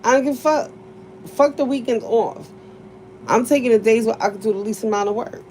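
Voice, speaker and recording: A woman's voice: on the high side, a little fast, darkish tone, slight background noise. A woman hosting a live stream, chatting with viewers in a blunt, profane way, laughing often. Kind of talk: casual livestream chat with viewers.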